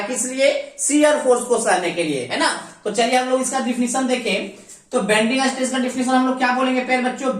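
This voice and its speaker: A woman teaching an engineering class, with a fairly high voice. She repeats each term as a question and answers it herself, slipping English terms into her speech. The sound comes from away from the mic, in an echoey room. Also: recorded from a distance. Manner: often addresses students as dear children. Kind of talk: recorded online class lecture.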